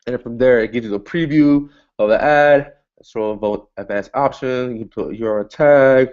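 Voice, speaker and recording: This is a casual screen-share tutorial in which a man, English his first language, sets up an online ad while musing aloud, frequently restarting and adding cheerful remarks as a marketing instructor. His mid-range voice has a darkish tone and a normal speed. The sound is lo-fi.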